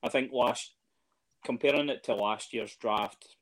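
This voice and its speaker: A man's voice: mid-range voice, measured pace. A man in casual chat as a guest, hesitant and full of fillers and restarts. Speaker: podcast guest, fan.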